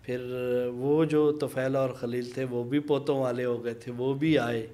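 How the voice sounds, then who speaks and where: A man, sitting as an interview guest and telling a long personal story. He speaks at a mid pitch, with thoughtful pauses, and slips into other people's voices when he quotes them. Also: fairly even intonation, dark tone. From Pakistan. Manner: long anecdotes with acted-out dialogue and hesitant pauses. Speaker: interview guest, minority community leader. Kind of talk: conversational storytelling.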